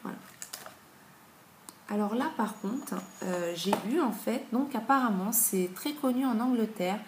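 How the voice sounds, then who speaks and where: A woman's voice: fairly high pitch, expressive, measured pace. Chatty woman reviewing beauty boxes. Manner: chatty, with many fillers. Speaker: beauty vlogger. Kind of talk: casual product review. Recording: echoey room with faint noise.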